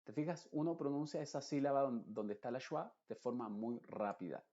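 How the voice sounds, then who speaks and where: A man teaching pronunciation, explaining patiently and repeating example words slowly, syllable by syllable. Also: mid-range voice, warm tone, dull audio.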